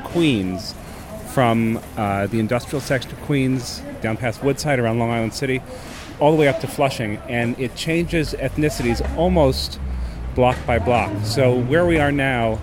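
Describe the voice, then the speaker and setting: A man's voice: mid-range voice, measured pace. A man with an American accent, presenting and reporting for radio. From United States. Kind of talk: scripted radio narration and street interviewing. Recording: clear city street noise behind. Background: street and traffic noise.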